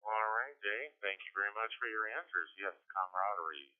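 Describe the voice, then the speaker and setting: A low-voiced man runs a ham radio net, folksy and teasing, with plenty of ums. His voice comes through clean and smooth despite a narrow, phone-like radio sound. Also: expressive, fairly quick. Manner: folksy and joking, many ums. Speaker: net control operator. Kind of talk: casual radio net chat.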